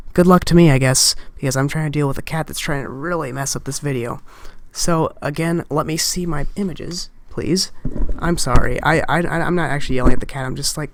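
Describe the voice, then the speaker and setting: A woman's voice: low-pitched, a little hiss or hum. A young woman talking casually and ramblingly in a game-theory vlog, close to her mic at home, often breaking off and restarting. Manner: rambling, self-interrupting, distracted. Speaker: YouTuber. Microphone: close desk mic.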